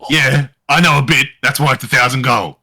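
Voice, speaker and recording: A man's voice: mid-range voice, brisk, pushed and bright, husky, voice pushed up, heavily acted. A man voicing a curt, grumbling male shopkeeper in a tabletop game. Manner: blunt, dry, grumbling.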